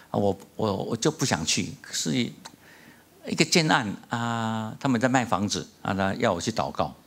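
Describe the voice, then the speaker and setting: A man, a church pastor preaching a sermon with passion. His voice climbs high and loud as he tells a story. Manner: impassioned preaching, rising high and loud when telling a story. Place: church sanctuary.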